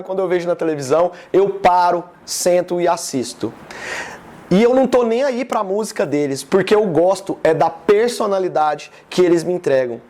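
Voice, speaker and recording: An easygoing business speaker in his thirties from Goiás, Brazil, talks loosely and directly to a live audience, chatting more than lecturing. His Goiás Brazilian Portuguese accent comes through in a voice fairly high for a man and a little mellow.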